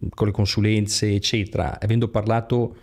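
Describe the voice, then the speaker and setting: Animated Italian man talking money. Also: fairly low pitch, normal speed. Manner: animated storyteller, acts out quotes. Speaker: guest, online entrepreneur. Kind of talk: casual podcast conversation.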